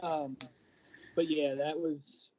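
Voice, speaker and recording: A man's voice: fairly high pitch, little pitch movement, slow, highs cut off, noisy background. A man co-hosting a podcast, chatting casually and hesitating with lots of ums while he searches for words. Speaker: podcast co-host. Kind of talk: casual chat.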